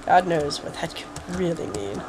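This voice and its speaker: A woman's voice: on the low side, expressive, unhurried, very noisy. A woman giving casual, jokey let's play commentary, exclaiming and muttering to herself as she plays.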